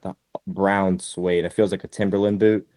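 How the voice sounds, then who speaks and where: Very deep-voiced man, easygoing guest. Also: little pitch movement, moderate pace, mellow, dry recording. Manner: easygoing, hesitant with "uh" and "like". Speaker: podcast guest. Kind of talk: casual podcast chat.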